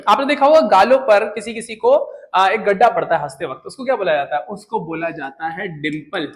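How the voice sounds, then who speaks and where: A young man teaching English words in a casual, joking lesson, often asking questions and answering them himself. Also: sits high. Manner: chatty, jokey, asks and answers his own questions.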